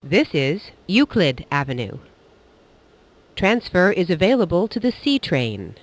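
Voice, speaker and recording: A man reading scripted train announcements in a formal, measured public-announcement manner, like an airport announcer. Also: high-pitched, very animated.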